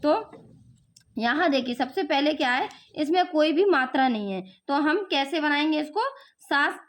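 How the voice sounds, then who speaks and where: Young woman, high voice, patient teacher, stretches syllables, coaxing questions for a child. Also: lively intonation, unhurried. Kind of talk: home spelling lesson for children.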